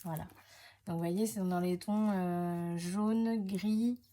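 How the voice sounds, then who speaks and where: A woman chatting casually to camera while unboxing craft papers, hesitant, full of fillers and self-corrections, sometimes dropping to a soft near-whisper. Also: mid-range voice, steady tone, takes it slowly. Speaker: scrapbooking crafter presenting her channel.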